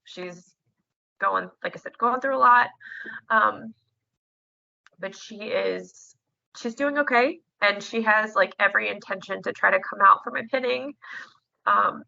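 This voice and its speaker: Young woman, nursing student, gravelly bright voice, chatty and emotional, dry dull recording. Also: medium pitch, unhurried, pauses often, no room sound. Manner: chatty, emotional, laughs often, many fillers. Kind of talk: casual interview chat.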